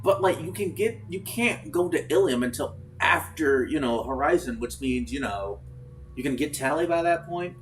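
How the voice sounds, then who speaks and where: A man chatting casually while playing a game, swearing freely and breaking into loud outbursts. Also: a little high, moderate pace, faint music behind. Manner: animated, swears freely, bursts into shouts. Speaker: gaming streamer. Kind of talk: casual let's-play chat.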